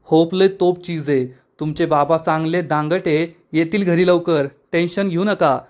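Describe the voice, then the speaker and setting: A man's voice: a little high, fairly even intonation, measured pace, darkish tone, close to an everyday voice. A cheeky young husband who teases and wisecracks in a slightly raised voice, as a recap narrator plays him. He comes across as a playful figure from a TV serial. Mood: coaxing. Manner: teasing, wisecracking.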